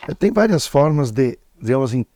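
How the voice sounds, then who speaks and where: A man's voice: mid-range voice, sing-song, a little fast, a little mellow. A man hosting a cooking show, chatting casually, asking questions and adding trivia. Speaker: host.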